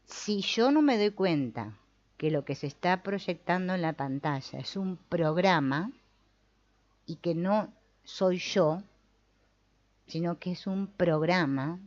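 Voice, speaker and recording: A woman teaches a spiritual lesson in a low voice that swings widely in pitch. She slips into little acted inner voices to make her points. The recording sounds a bit dull and lo-fi. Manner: lively, acts out inner voices. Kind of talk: teaching a talk on the mind.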